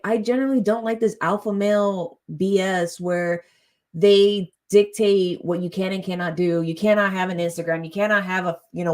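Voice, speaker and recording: A woman's voice: on the low side, darkish tone. A young adult woman chatting casually and rambling on her live stream, often trailing off and breaking into laughter. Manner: chatty, rambling, quick swings into laughter and exasperation.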